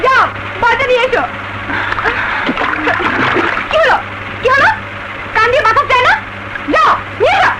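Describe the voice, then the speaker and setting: A haughty young rich woman in a melodramatic film. Her voice is extremely high as she scolds and orders people about imperiously, dropping English commands into her speech. The soundtrack is clearly noisy. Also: normal speed, pauses often. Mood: angry, commanding. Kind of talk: melodramatic Bangla film acting.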